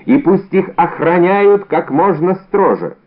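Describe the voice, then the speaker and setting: A man's voice: high voice, expressive, measured pace, voice pushed up. A man doing a flustered, bossy commissioner. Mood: exasperated. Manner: exasperated, barking orders. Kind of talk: audiobook character reading. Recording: tinny phone-like sound.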